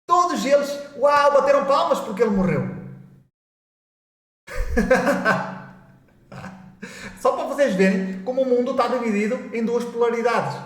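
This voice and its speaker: In an echoey room, a man with a European Portuguese accent hosts a spiritual video, giving a rambling, repetitive informal talk where he restarts sentences and ridicules people's excuses. His voice is high and a bit bright.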